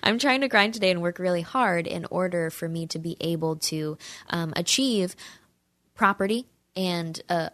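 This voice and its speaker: A woman's voice: low-pitched, gravelly, dry recording. A woman in her twenties giving an earnest, persuasive opinion talk and speaking straight to her viewers. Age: 20s. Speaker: commentator answering audience questions.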